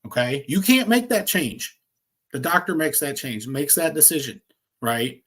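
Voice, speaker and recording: A man demonstrating insurance quoting software on a screen share, talking in an energetic, salesy way with quick asides. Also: a little high, husky. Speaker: insurance agent trainer.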